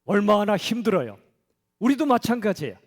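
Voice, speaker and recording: Male pastor, middle-aged, high voice, conversational sermon, church hall echo. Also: big pitch swings, brisk. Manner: conversational, asks the congregation questions. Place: church sanctuary.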